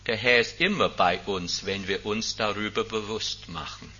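A man's voice: normal speed, slight background noise. Older male pastor, impassioned. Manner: impassioned, swings from loud emphatic peaks to quiet intimate lows. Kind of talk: sermon. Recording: dull lo-fi recording.

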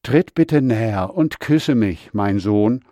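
A man voicing an old blind father who blesses his son in a solemn, measured scripture reading. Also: lowish voice, expressive, dark tone, no echo, clean studio sound.

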